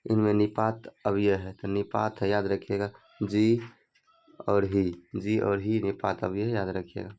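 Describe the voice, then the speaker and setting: A man's voice: lowish voice, little pitch movement, unhurried, dark tone, clean tone. A man coaching students for an exam, asking each question and repeating the answer for them to remember. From Bihar, India. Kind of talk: exam prep lesson.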